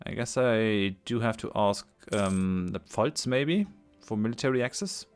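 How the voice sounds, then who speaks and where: Over soft background music, a man voices casual commentary on a strategy game he's playing. His fairly low voice is clear, resonant and animated, though a little slow, and as a let's play host he thinks aloud with hesitation, many fillers and restarts, his voice growing weary.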